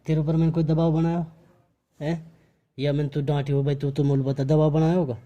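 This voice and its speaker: A Mewati-accented man reproaches someone during a private phone call, pressing them with pointed question after question, captured in an amateur recording. He speaks fairly quickly in a level, dark voice on the high side.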